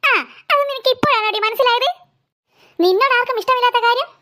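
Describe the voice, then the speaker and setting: A woman's voice: fairly even intonation, quick pace, pushed and bright. A woman doing a cheeky teasing little girl. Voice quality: very high childlike voice. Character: cheeky smug young girl, teasing sister. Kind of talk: cartoon voice acting.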